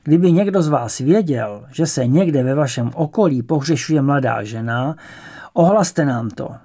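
A man's voice: mid-range voice, lively intonation, warm tone. A man voicing a nervous but formal police sergeant speaking in a ceremonious, earnest way in an audiobook.

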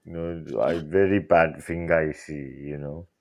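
A man from the United Kingdom calling in to a show, telling deadpan, absurd jokes in broken English. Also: low voice, unhurried. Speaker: caller, fellow podcaster. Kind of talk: joking call-in banter.

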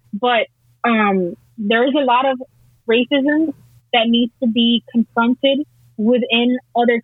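A woman's voice: mid-range voice, husky, no room sound. A woman speaking earnestly on a conference call, often stopping and restarting her thoughts as she works through them. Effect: conference call audio. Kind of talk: casual discussion. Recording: tinny call line, dry.

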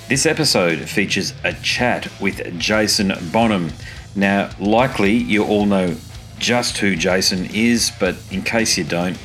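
An Australian man with a low-pitched voice hosts a podcast. He talks in an informal, matey way, as in a conversation with listeners or a guest. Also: fairly bright tone. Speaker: podcast host and interviewer.

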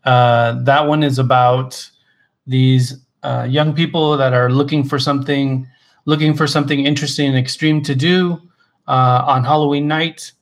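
A man with a mid-range voice chats loosely at a normal speed as a podcast co-host. Relaxed and enthusiastic, he recommends things with many fillers, often trailing off and restarting his sentences in this casual conversation.

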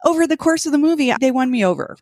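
A woman's voice: high-pitched, lively intonation, fast talker, darkish tone, no room sound, clean studio sound. A woman from Long Beach, California, chatting as a podcast guest while wearing braces, with lots of fillers. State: talking with braces in. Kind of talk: casual chat.

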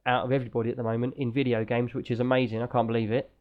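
A man's voice: mid-range voice, little pitch movement, racing, narrow, tinny audio. A British man talking casually and enthusiastically as the host of a gaming podcast.

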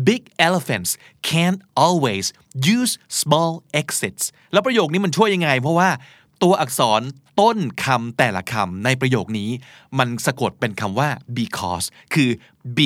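Lively man patiently teaching spelling. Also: medium pitch, dry recording, studio quality. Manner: polite, spells words out letter by letter, explains patiently. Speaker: host teaching English spelling. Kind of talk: casual spoken lesson.

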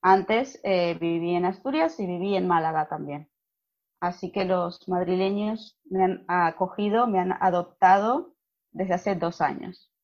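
A Spanish teacher from Buenos Aires with an Argentine accent chats at length as an interview guest, using lots of fillers. Her voice is on the low side at a measured pace, and the lo-fi audio sounds dull.

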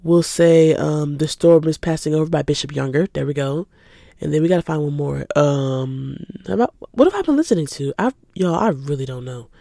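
An eighteen-year-old from Atlanta, Georgia hosts her own podcast, chatting and rambling casually, laughing easily and sounding stuffy from a cold. Her voice sits low and is creaky and mellow, and she talks a little fast. The recording is dry and studio quality.

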